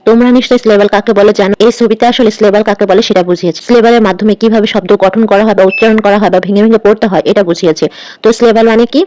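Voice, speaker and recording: Brief: a fast-talking teacher on a dry, close recording, spelling each word out letter by letter. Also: medium pitch, steady tone, darkish tone, no echo, poor audio. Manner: spells words letter by letter, then translates them; reads English instructions slowly, then explains them. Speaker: primary school English teacher. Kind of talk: textbook lesson explanation.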